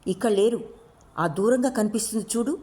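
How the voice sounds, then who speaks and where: A woman's voice: medium pitch, brisk, mellow, close to an everyday voice. A woman reading a story, voicing a carefree young hippie woman with an offhand, coaxing manner.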